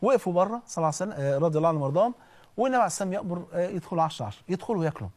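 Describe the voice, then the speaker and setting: A man with an Egyptian accent preaching in an animated, conversational storytelling way, often checking in with listeners. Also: high voice, racing. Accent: Egyptian Arabic. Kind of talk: storytelling sermon.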